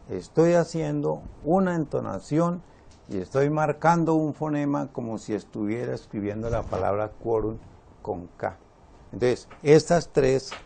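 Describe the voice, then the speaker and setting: Slow, gravelly male teacher. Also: mid-range voice, dark tone. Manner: slow and deliberate, repeats examples. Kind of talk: spelling lesson.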